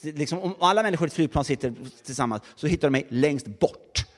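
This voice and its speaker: A man preaching a sermon, telling stories with lively asides to the congregation. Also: on the high side, in a large hall. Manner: lively storytelling with audience asides.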